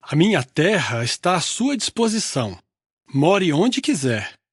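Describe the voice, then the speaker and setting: A man's voice: fairly high pitch, very animated, unhurried, breathy edge, no room sound, clean studio sound, voice pushed up, full character voice. A man voicing an indignant ancient king who pleads and protests, in a Bible audio reading. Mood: conciliatory.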